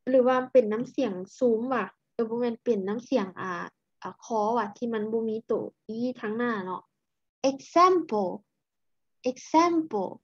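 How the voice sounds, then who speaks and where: A woman's voice: fairly high pitch, darkish tone, dry recording. A woman teaching English online, patiently correcting pronunciation over a video call. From Laos. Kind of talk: online tutoring. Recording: muffled video-call audio.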